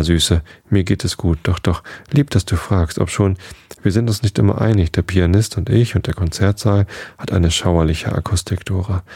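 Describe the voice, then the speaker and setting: A man's voice: deep voice, gravelly, mellow, slightly rough, no echo, exaggerated voice. A man reading the lines of a gushing, theatrical singer mother who showers her child with endearments. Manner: effusive, full of endearments.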